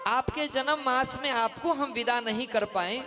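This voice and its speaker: A man's voice: very high voice, measured pace. A man voicing the teasing women of Mithila in a sung-story sermon, with a playful, coaxing manner. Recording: live katha with music behind.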